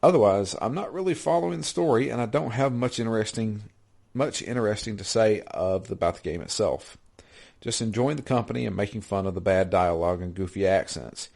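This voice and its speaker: Casual podcast co-host, man, lowish voice, rambling self-corrections. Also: a little fast, gravelly, a little mellow. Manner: rambling, self-correcting, reads listener email aloud. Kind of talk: casual gaming podcast chat.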